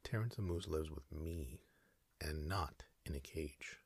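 A man's voice: extremely low pitch, unhurried, vocal fry, husky, no room sound, heavily acted. A man voicing a worried, polite young boy in a whispered role-play. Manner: polite, pleading.

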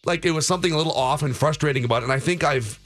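An American man with a hoarse, gravelly voice chatting casually as a sports radio host. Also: on the high side, racing, a bit bright, soft background music. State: strained, hoarse voice.

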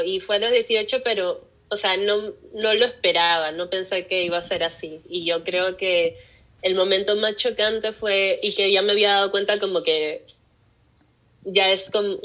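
A woman's voice: medium pitch, normal speed, rough recording. A young woman with a Peruvian Spanish accent, telling her own story as a guest in an interview and acting out the voices she quotes. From Peru. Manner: animated, acts out voices in quoted speech. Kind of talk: personal storytelling in a podcast interview.

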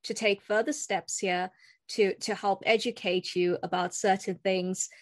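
A woman's voice: mid-range voice, steady tone, measured pace, dry recording. A young adult woman from South Africa, a cross-cultural communication coach, talking earnestly as a guest in a casual interview with some ums and restarts. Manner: earnest, with filler words and restarts.

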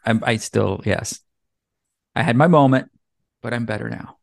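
Laid back guy hosting a podcast, gravelly voice, dry close sound. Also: mid-range voice, normal speed, dry recording. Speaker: podcast host. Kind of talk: casual chat.

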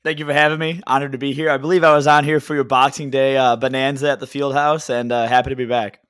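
A man's voice: medium pitch, level tone, quick pace, fairly bright tone, clear, resonant tone, no room sound, clean studio sound. A young man chatting casually as a podcast guest, very informal, with lots of "like" and "you know". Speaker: podcast guest, soccer supporter. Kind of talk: casual chat.

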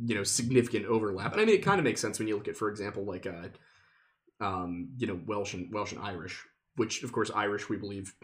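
A man's voice: on the low side, fairly bright tone. A man hosting a chat podcast who asks rambling questions full of fillers and restarts. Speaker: podcast host. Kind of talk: casual chat.

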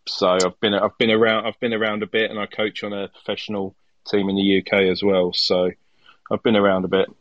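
A man's voice: lowish voice, flat delivery, brisk, fairly bright tone, dry recording, muffled recording. A man chatting casually about sport as a podcast guest and coach.

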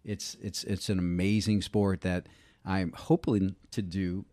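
A man in his forties, co-owner of a bike school, talking in a laid-back way with drawn-out uhs on a podcast. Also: sits low, flat delivery, warm tone, no echo. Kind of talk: casual podcast chat.

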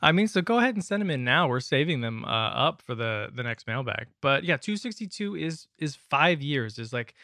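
A man's voice: mid-range voice, very animated, normal speed, few pauses, bright, forceful tone, no echo, studio quality. A man, co-hosting a gaming podcast with casual, conversational talk. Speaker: podcast co-host.

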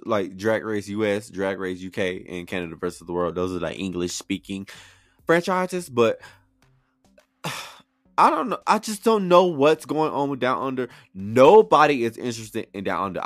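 A man's voice: lowish voice, no room sound, studio quality. A man co-hosting a casual chat, talking in emphatic, slangy drag-scene phrases. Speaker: podcast co-host.

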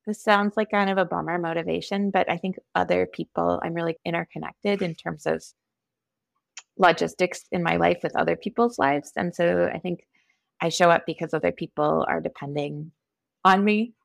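A woman's voice: lowish voice, steady tone, normal speed, vocal fry, no room sound. A woman with a Minnesotan accent, a podcast guest talking in a reflective, hesitant, self-deprecating way. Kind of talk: candid conversational interview.

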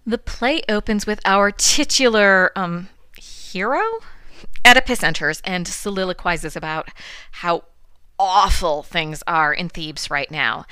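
Bright-voiced woman hosting a classics podcast. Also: lowish voice, slow pace, clear, resonant tone, dry recording. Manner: wry, dry asides. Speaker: podcast host teaching classics. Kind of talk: scripted podcast lecture.

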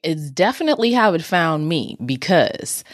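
A woman from the Bahamas with a low voice speaks in a dry, close sound. As an interview guest she tells her story in an energetic, expressive way. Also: moderate pace, dry recording. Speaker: guest, communications trainer. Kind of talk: interview conversation.

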